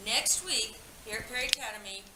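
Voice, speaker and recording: A woman's voice: fairly high pitch, a little fast, roomy sound, a loud crowd, rough recording. Upbeat woman over the school intercom. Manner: upbeat, prompting the students to answer.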